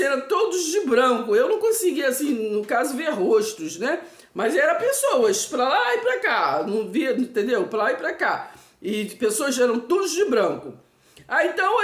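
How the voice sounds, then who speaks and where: Mulher com sotaque brasileiro, voz alta no tom, testemunho pessoal, fala entrecortada e emotiva, ambiente com eco. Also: female voice, high-pitched. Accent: Brazilian. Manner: halting and emotional, with many restarts and nervous laughs. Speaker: host of a live stream. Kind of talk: personal supernatural testimony. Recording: echoey room.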